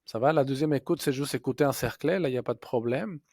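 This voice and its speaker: A man teaching a software tutorial step by step, pausing and correcting himself as he goes. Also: medium pitch, no echo, studio quality. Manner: slow, step-by-step explaining with fillers and self-corrections.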